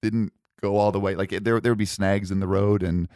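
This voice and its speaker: A man's voice: lowish voice, steady tone, fairly quick, a little mellow, clean tone, no echo, studio quality. A young man hosting a casual podcast, chatting and telling stories about himself in a self-deprecating way. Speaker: podcast host. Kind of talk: casual chat.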